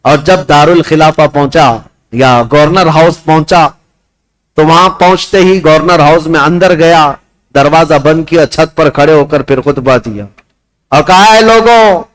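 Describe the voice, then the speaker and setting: A male Islamic preacher delivers a sermon at normal speed with a steady tone, telling a story passionately and addressing his listeners as his dear ones. His pitch rises at the story's climaxes.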